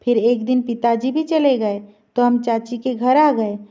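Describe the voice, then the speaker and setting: A woman storyteller narrating an emotional story in a steady, sorrowful reading style. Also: on the high side, unhurried. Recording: slightly dull lo-fi recording.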